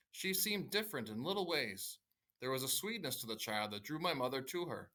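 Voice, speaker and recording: A bright-toned young man recounting his family history, as a teacher reads him aloud. The voice is lifted and a touch louder than everyday talk, with a crisp, sharp edge. It is earnest storybook narration. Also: mid-range voice. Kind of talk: reading a novel aloud to students.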